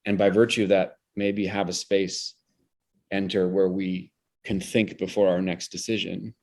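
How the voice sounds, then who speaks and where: A low, darkish voice with a level tone and an unhurried pace belongs to a theater director being interviewed. He talks through ideas reflectively and articulately, in an intellectual style, regularly restarting his phrases.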